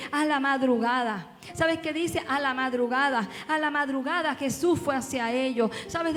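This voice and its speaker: A woman's voice: sits high, a bit bright. A woman pastor preaching a sermon, asking her congregation one rhetorical question after another. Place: church. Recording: long reverb with faint music.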